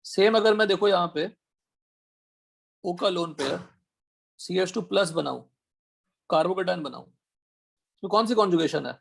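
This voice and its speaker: Man, teacher, high-pitched, husky, online lesson, quick questions to students. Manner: quizzing students with rapid questions. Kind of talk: online chemistry class, Hindi mixed with English.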